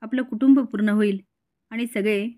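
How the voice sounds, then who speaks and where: A woman's voice: medium pitch, steady tone, moderate pace, mellow, close to an everyday voice. A woman voicing a young mother coaxing her former husband to reunite for their son's sake in a retold serial. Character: pleading young mother wanting her ex back.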